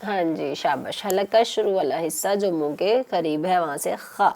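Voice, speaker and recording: A woman teaching children on a TV lesson, patient and coaxing, repeating syllables slowly. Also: on the low side, creaky, darkish tone. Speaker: Quran teacher.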